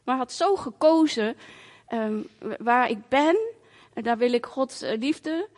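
A woman giving a sermon as a lively personal story, with many fillers, acting out voices and sounds in a conversational way. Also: on the high side, a little slow. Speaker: preacher.

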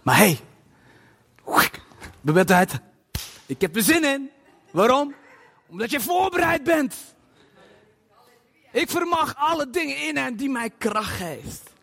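A man preaching a sermon to a congregation in a church hall, emphatic and animated, with bursts of loud emphasis and English phrases dropped in. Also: very high voice, unhurried, gravelly, long pauses. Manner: scatters English phrases into his talk. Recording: long hall reverb.

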